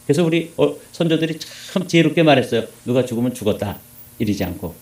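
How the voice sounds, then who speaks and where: A man preaching a sermon as a pastor, moving between loud emphasis and hushed asides while asking the congregation questions. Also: mid-range voice, lively intonation, fast talker, reverberant. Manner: addresses congregation with rhetorical questions.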